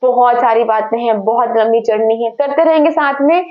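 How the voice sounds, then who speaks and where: High-voiced chatty young woman, lo-fi. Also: steady tone, normal speed. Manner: chatty, mixes English phrases into Hindi, self-correcting. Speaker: study vlogger preparing for a civil service exam. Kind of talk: casual talk to camera. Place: her own room. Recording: slightly dull lo-fi sound.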